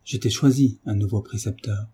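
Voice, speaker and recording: A man reading a novel aloud, voicing a gentle mother who pleads tenderly but stays firm with her son. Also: lowish voice, fairly even intonation, normal speed, breathy edge.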